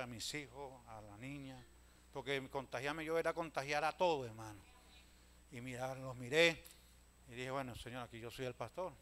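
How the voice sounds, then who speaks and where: A man, a pastor telling stories in a sermon, swinging from loud calls to hushed asides and often addressing listeners as brother. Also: mid-range voice. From Venezuela. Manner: storytelling preacher, swings from loud calls to hushed asides, keeps saying "hermano".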